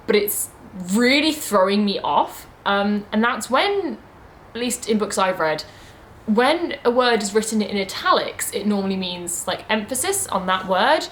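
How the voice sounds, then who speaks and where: A woman's voice: mid-range voice, fairly bright tone, slight background noise. Chatty woman rambling about books. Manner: chatty, rambling, many "like" and "um" fillers. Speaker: book vlogger. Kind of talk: casual reading vlog chat.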